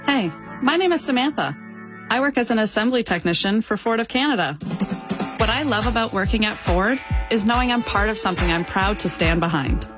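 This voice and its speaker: A woman's voice: mid-range voice, expressive, fairly quick, music in the background. A woman giving a conversational, scripted employee testimonial for a commercial.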